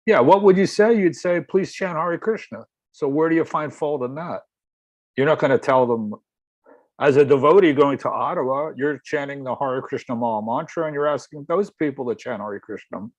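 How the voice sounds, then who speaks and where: A man's voice: fairly high pitch, moderate pace, darkish tone, no room sound. Guy on a video call making his point hard, asking what would you say, dry close sound. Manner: insistent, rhetorical questioning. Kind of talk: religious discussion on a video call.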